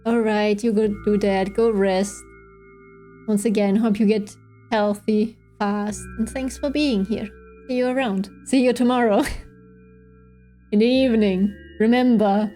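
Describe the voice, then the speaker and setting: A woman's voice: medium pitch, warm tone, low-quality recording. A woman streamer chatting casually while playing a game, often giggling and reading the game's text aloud. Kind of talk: casual game let's play commentary.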